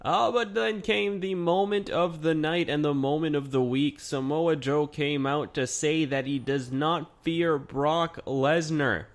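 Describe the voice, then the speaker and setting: Excitable man hosting a solo podcast. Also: on the high side, unhurried, hardly any pauses. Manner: chatty and excitable, with frequent fillers. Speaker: podcast host. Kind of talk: casual solo review monologue.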